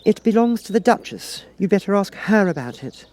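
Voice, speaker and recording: Man doing a high-pitched, prim, plaintive storybook girl. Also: big pitch swings, brisk, darkish tone. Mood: polite. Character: earnest, polite, complaining little storybook girl.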